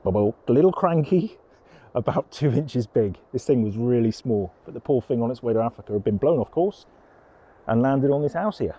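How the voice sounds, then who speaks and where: A man's voice: mid-range voice, lively intonation, normal speed, husky, dull audio. A man chatting casually as a landscape photographer, rambling in a down-to-earth way while outdoors on a coastal headland. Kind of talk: casual vlog chat.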